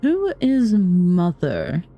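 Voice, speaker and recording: A woman's voice: fairly low pitch, wildly swooping pitch, extremely slow, dull audio, faint music behind. A woman giving casual let's play commentary, informally musing aloud as she plays and reads along. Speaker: gaming streamer.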